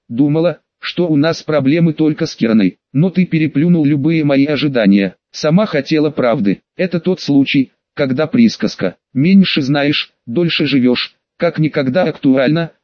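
A man narrating a fantasy audiobook, reading every character in one steady voice. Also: on the high side, no room sound, lo-fi sound.

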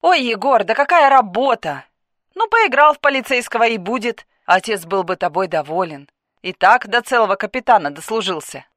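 An actress playing a caring woman who gently presses a policeman to think about a new job, in an audiobook. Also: a little high, big pitch swings, normal speed, no room sound, clean studio sound. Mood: coaxing. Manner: coaxing, gently persistent. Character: caring woman urging a cop to quit.

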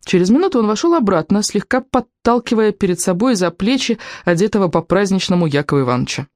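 Audiobook narrator, measured and even, dry close read. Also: mid-range voice, no echo. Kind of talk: scripted narration.

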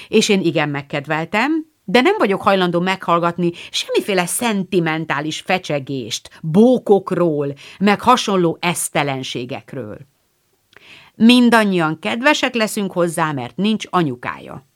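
Brief: woman voicing a blunt, impatient teen girl, lowish storybook voice. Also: very animated. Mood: indignant. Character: spirited tomboyish teenage girl.

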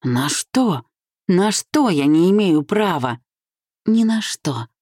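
A woman's voice: fairly low pitch, animated, takes it slowly, darkish tone, no echo, studio quality, pitched above the performer's own voice. A woman voicing a bitter young wife who insists sharply on her rights, in an audiobook.

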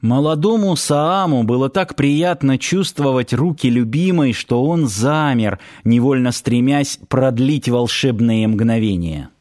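Man reading an audiobook, unhurried. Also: medium pitch, darkish tone. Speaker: audiobook narrator. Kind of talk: scripted narration.

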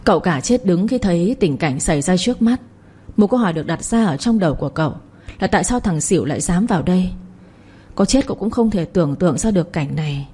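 A woman's voice: on the low side, animated, fast, warm tone, husky. A woman narrating a serialized story and voicing every character.

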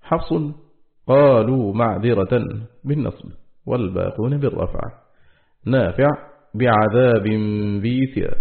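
Low gravelly man reading on a tinny line. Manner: steady, formal recitation of terms. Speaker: audiobook reader. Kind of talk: measured reading of a classical text on Quran readings. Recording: tinny, phone-like lo-fi recording.

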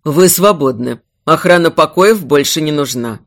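A woman voicing a strong noble duke who speaks low, steady and curt. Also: moderate pace. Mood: protective. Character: protective noble duke, strong and calm man.

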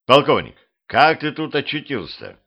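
A man's voice: mid-range voice, wildly swooping pitch, moderate pace, muffled recording, voice pushed up. A man voicing a harried, practical man who snaps to restore order. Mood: exasperated. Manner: exasperated, taking charge.

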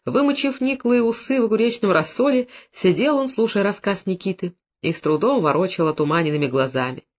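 Animated male audiobook narrator. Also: sits high, brisk. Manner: dramatic, animated storytelling. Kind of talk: expressive literary narration. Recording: dull lo-fi recording.

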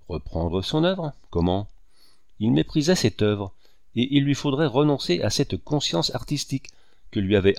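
A man narrating a novel in a measured, expressive literary reading. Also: medium pitch, no room sound, clean studio sound. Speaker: audiobook narrator.

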